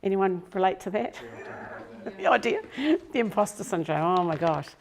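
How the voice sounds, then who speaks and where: A woman's voice: medium pitch, normal speed. A middle-aged woman, a business coach giving a live workshop talk to a group in a room, chatty and self-deprecating.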